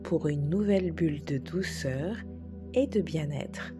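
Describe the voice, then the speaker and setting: A woman sophrologist leading a guided relaxation session, speaking softly and soothingly, sometimes dropping to a whisper. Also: sits low. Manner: soft, slow, soothing guidance, drops to a whisper at times. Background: soft background music.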